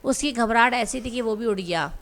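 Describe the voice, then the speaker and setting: A woman reads a romantic story aloud in a steady, even narration. Her voice sits a little high for a woman.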